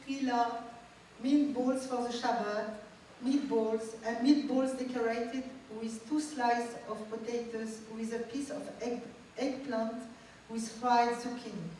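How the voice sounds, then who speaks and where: A woman, reading a personal memoir aloud as a guest speaker in a measured, reflective way. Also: a little high, steady tone, a little mellow, slight background noise. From Tunisia. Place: large event hall. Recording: echoey hall, distant mic.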